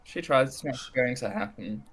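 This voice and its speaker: A man's voice: mid-range voice, normal speed, crowd noise. A man playing a tabletop role-playing game, bantering casually with dry, wry delivery.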